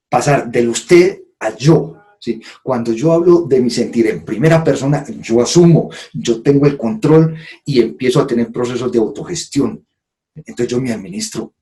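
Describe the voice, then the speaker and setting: A man gives a live conference talk to an audience, acting out quoted phrases and frequently checking in with "¿sí?". His voice is mid-range and mellow.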